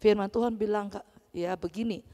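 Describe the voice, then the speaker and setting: A woman's voice: medium pitch, fairly even intonation, moderate pace, dark tone. A woman leading a Sunday school Bible lesson for children, telling the story animatedly with playful voice shifts. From Palembang, Indonesia. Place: church hall. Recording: reverberant church hall.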